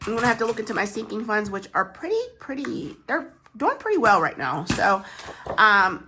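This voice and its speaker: A savings challenge vlogger, stuffy and congested from a chest cold, chats to camera while stuffing savings envelopes. Her mid-range voice has vocal fry and a sharp tone, and she rambles in a self-deprecating way over slight background noise.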